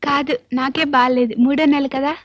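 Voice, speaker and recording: A woman's voice: high-pitched, fairly even intonation, normal speed, dry recording, highs cut off, natural voice. An actress playing a coy, teasing young woman in a film comedy. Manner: coy, playful. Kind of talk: 1990s film comedy acting.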